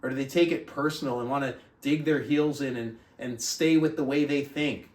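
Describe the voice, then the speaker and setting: Reading aloud and delivering motivational coaching to his book club, a man speaks at normal speed in a medium-pitched, darkish voice. He puts rhetorical questions to the listeners, recorded with roomy echo from far from the mic.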